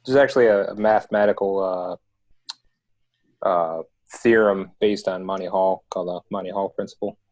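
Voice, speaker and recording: A man's voice: low voice, steady tone, normal speed, a little mellow, no echo, poor audio. A man in easygoing casual chat on a video call, a bit self-deprecating. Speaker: robot team member.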